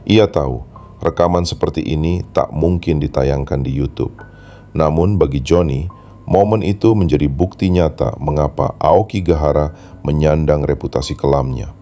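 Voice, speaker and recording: A man's voice: extremely low pitch, normal speed, mellow, faint music behind. A man reading a scripted horror story as narrator, in a solemn, dramatic storytelling manner.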